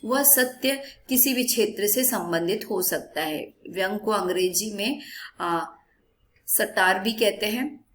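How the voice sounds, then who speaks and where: A woman's voice: medium pitch, slow, a bit bright, a little hiss or hum. A woman teacher explaining a text lesson for exam students, putting hard words into plain ones, with fillers and self-corrections along the way. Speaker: Hindi teacher.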